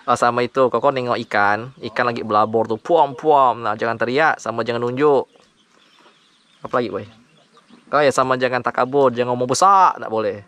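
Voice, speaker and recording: A man's voice: mid-range voice, brisk, fairly bright tone. A man, narrating a casual outdoor travel vlog, chatty and playful, calling everyone "boy". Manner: chatty, says "boy" constantly, playful joking. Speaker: travel vlogger. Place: outdoors in the forest by a river.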